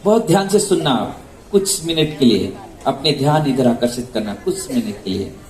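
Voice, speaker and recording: A man's voice: medium pitch, lively intonation, normal speed, a little mellow. A man preaching a sermon as a pastor, posing rhetorical questions and repeating key phrases for emphasis. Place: church hall. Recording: echoey room with faint ambience.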